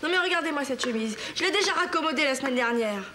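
Catty young woman, boastful, teasing, high-pitched, noisy sitcom soundtrack. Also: lively intonation, fast, bright, forceful tone. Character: smug, sharp-tongued young woman, older sister. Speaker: sitcom character. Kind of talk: 1990s TV sitcom acting. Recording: TV sitcom audio with background noise.

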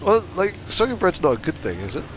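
A man chatting casually while playing an online game, low-key and laughing a lot. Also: wildly swooping pitch, brisk. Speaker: gaming channel host. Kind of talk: casual gaming chat.

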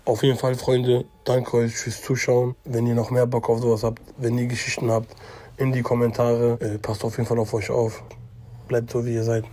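Young man, husky mellow voice, casual chatty storyteller to camera. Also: mid-range voice, completely flat delivery, normal speed. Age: 20s. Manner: chatty, addresses viewers as guys, fills with "ne?". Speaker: YouTuber telling a story.

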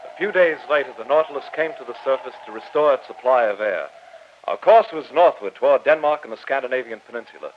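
A man's voice: mid-range voice, animated, quick pace, a little hiss or hum, close to an everyday voice. A man playing a grave, observant professor who narrates his ordeal in an old radio drama with formal, dramatic description. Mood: composed. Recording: muffled old radio recording.

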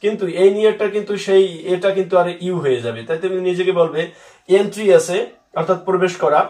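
A man with a high-pitched voice teaches English spelling, patiently repeating words and spelling them out letter by letter for his students. He sounds distant from the mic, in a roomy space.

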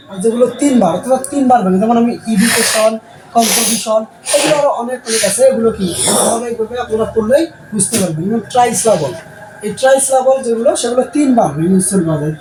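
Man teaching a lesson in a roomy space. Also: very high-pitched. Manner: repetitive, asks and answers own questions. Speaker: English teacher. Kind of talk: classroom lesson. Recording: roomy sound with faint background noise.

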